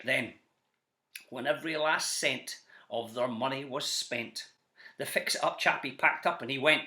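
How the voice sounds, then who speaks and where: A Scottish man reading a rhyming children's story aloud in an animated storyteller style. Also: mid-range voice, measured pace. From Scotland. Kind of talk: animated storybook narration in rhyme.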